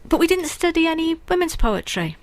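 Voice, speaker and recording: Speaking in a very high, highly animated voice at a brisk clip, a female poet and writer guests on a radio show. She discusses poetry sincerely and reflectively, saying um often.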